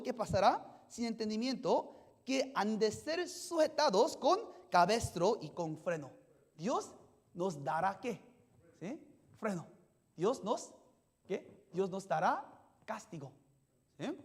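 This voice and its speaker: A pastor preaching a sermon in simple, halting sentences. The pastor keeps asking the congregation questions and checking in with "yes?". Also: mid-range voice, a little mellow. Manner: simple, halting phrasing with restarts.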